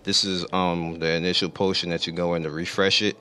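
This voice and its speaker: A man's voice: deep voice, flat delivery, brisk, bright, forceful tone. A man hosting a gaming channel, talking casually through game menus, rambling and correcting himself as he goes, and losing his voice. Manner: rambling, self-correcting, explains while clicking through menus. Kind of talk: casual gameplay commentary.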